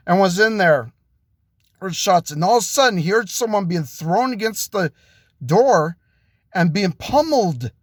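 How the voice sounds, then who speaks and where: A man narrating an improvised story in a slow, unhurried way, a bit higher pitched than most men. He halts and restarts as he goes, and the sound is dry and close. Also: no room sound. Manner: slow, halting delivery with restarts.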